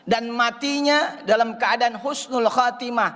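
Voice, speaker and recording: A man's voice: very high-pitched, measured pace, sharp tone. A male preacher in a mosque telling a sermon story dramatically, with repeated phrases for emphasis. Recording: reverberant mosque hall.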